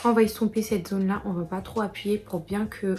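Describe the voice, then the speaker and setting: Over music, a young woman guides her viewers through a relaxed makeup tutorial, talking to them directly in a chatty way. This beauty vlogger's voice is medium-pitched, steady, and fairly quick.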